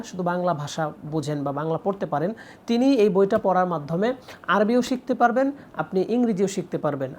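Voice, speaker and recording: Young woman, somewhat low pitch, author promoting her book, explanatory, pauses often. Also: darkish tone, a little hiss or hum. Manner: explanatory, with frequent drawn-out pauses.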